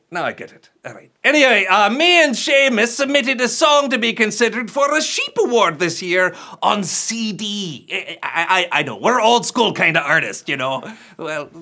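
A man's voice: high-pitched, sharp tone, exaggerated voice. A man doing a boastful Scottish rapper puppet. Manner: goofy, bouncy, exaggerated. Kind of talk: kids' puppet comedy skit.

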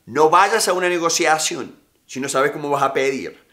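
A man's voice: fairly high pitch, moderate pace, pushed and bright. A man teaching negotiation tactics in casual, emphatic talk, often repeating his key phrases. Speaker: negotiation instructor.

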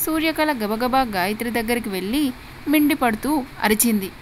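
A woman narrating a dramatic family story in a steady, expressive storyteller's manner. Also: fairly high pitch, normal speed, slight background noise.

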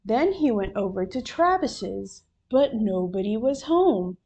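Slow, expressive woman reading a picture book. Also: fairly high pitch. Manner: slow, expressive read-aloud with sound effects. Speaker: storybook reader.

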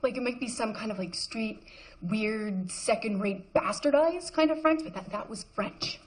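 An actress playing a cautious police officer who speaks in a pleading, hedging way. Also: female voice, a little high, normal speed, natural voice.

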